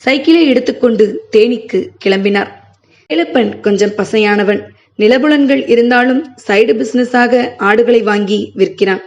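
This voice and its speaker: A woman narrating a family story aloud in a steady, measured storytelling manner. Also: on the high side. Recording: muffled lo-fi recording.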